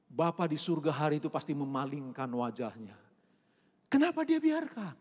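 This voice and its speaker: A middle-aged male pastor preaching a sermon, firing rhetorical questions and building to loud, emphatic peaks. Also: a little high, sing-song, normal speed, slightly rough, in a large hall. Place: church hall.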